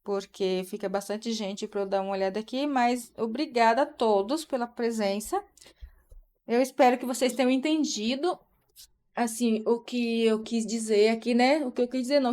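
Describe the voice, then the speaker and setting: A woman's voice: a little high, moderate pace, a little mellow. A young woman in casual live-stream chat, talking to viewers and checking in with tag questions.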